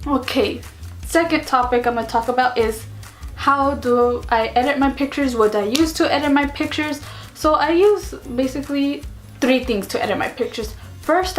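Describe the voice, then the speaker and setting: A woman in her twenties chatting casually to camera as a lifestyle vlogger, giggly and self-mocking. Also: on the high side. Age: 20s.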